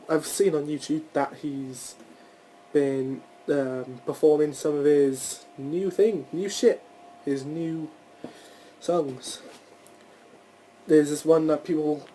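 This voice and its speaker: A man's voice: fairly high pitch, mellow, slight background noise, poor audio. A young man hosting a casual solo podcast, rambling through his thoughts with frequent restarts and the odd swear word. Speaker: podcast host.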